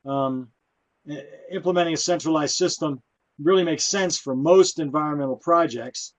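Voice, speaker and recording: A man's voice: a little high, moderate pace. Man giving a casual conference talk. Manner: relaxed, conversational, many fillers. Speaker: conference presenter.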